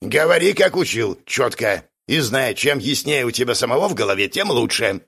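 A man's voice: big pitch swings, normal speed, a bit bright, husky, full character voice. A man narrating a story voices an old, eccentric exorcist who mocks and lectures theatrically. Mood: sardonic. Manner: mocking, theatrical, high-pitched. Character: old eccentric male exorcist, mocking and sardonic.

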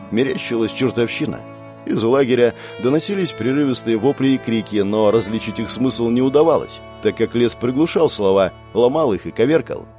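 A man narrating a first-person audiobook in a wry, expressive storytelling manner. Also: medium pitch.

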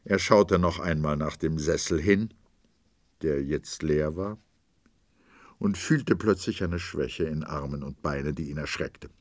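A man narrating a literary story as an audiobook, reading expressively and dramatically, dropping to a hush at times. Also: a bass voice, unhurried, no room sound.

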